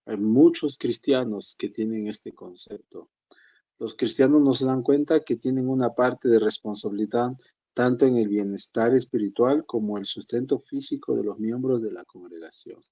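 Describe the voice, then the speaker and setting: A man's voice: normal speed, dark tone. A man teaching a church session, speaking conversationally and addressing the congregation as brothers. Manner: acts out believers' excuses in a higher voice. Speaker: pastor.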